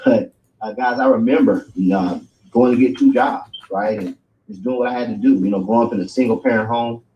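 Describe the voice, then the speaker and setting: Low-voiced man giving a hyped business pitch. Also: darkish tone, lo-fi sound. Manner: hype, repeats "right?" and "guys". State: losing his voice. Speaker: presenter on a business call. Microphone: video call.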